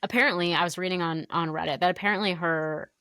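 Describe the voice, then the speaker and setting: Chatty woman with a low, close, dry voice. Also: fairly even intonation, quick pace, bright, forceful tone, no room sound. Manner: chatty, acts out quotes in a raised voice. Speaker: podcast co-host. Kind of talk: casual recap chat.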